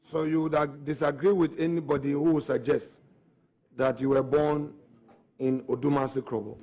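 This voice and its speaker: Deliberate man pressing a nominee. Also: a little high, fairly even intonation, warm tone. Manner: slow, deliberate, pressing questions. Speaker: committee member questioning the nominee. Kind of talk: formal parliamentary questioning.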